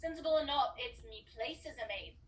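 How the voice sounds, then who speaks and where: Sarcastic Cockney maid played by a woman, high voice, recorded from a distance. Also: a little fast, lightly acted. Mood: grumbling. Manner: scolding, sarcastic. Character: grumbling female Cockney palace maid. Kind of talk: stage play acting.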